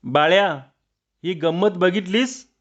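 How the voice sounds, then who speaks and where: A man's voice: sits high, takes it slowly, fairly bright tone, highs cut off, voice pushed up. A man voicing a mischievous young male prankster friend in a storybook reading, with a sly, teasing manner.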